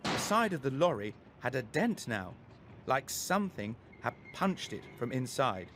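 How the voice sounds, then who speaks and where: This is a storyteller's rendition of a scripted children's story, voiced by a man of medium pitch. He's deliberate and full of expression, while vehicles hum faintly in the distance.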